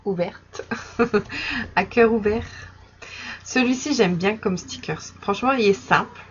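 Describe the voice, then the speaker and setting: A young woman casually chatting in her vlog while showing stickers she bought, with many fillers and soft laughs. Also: mid-range voice, slow. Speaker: vlogger. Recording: slightly dull recording with faint background noise.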